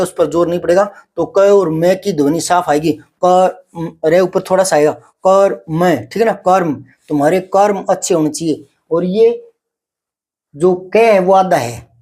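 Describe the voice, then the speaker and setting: A man's voice: high-pitched, darkish tone. A man teaching a Hindi vocabulary lesson, explaining paired words patiently and checking in often with his students. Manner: explanatory, drawn-out contrasts, frequent "ठीक है" check-ins. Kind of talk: spoken grammar lesson.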